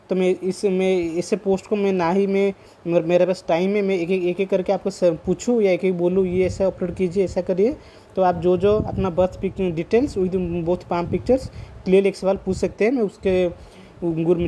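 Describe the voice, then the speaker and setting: A man's voice: sits high, mellow, a little hiss or hum. A man working as a palm reader, casually explaining to camera, repeating and rephrasing his points and mixing in English terms. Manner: sprinkles English terms into speech.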